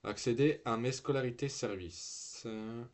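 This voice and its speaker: Slangy, swearing teenage streamer. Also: male voice, medium pitch, unhurried, darkish tone. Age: teens. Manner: loose, slangy and swearing, trailing restarts. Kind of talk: casual live-stream chat.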